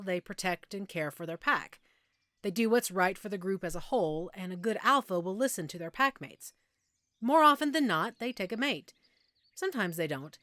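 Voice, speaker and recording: A woman plays a middle-aged female werewolf alpha who is patient and self-assured, explaining things in an intimate, conversational audio-roleplay style with measured pauses. Her voice sits in the mid range with a fairly bright tone and light acting. The recording is dry, with no room sound.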